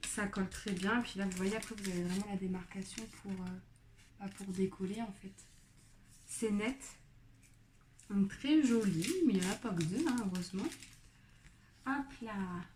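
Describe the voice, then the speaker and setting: A woman's voice: medium pitch, normal speed, pauses often, darkish tone, slight background noise. Young woman, French accent, casual unboxing host, mid-range voice, enthusiastic and rambling. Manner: chatty, gushing, many fillers and little exclamations. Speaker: craft vlogger.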